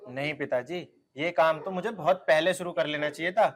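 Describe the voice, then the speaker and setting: एक युवा आदमी जो मेहनती बने गाँव के प्रधान के बेटे का किरदार निभा रहा है, हरियाणवी लहजे में सच्चे दिल से बोलता है।. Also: male voice, fairly high pitch, brisk, natural voice. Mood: respectful. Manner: earnest, heartfelt. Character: reformed young village man, earnest and devoted. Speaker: headman's son, laborer. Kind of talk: rural comedy film acting.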